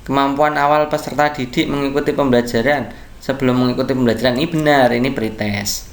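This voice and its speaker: Unhurried man talking through exam questions. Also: mid-range voice, steady tone. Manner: unhurried, reads answer options aloud, often adds a tag asking for agreement. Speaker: online test-prep tutor. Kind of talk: explaining exam questions to viewers.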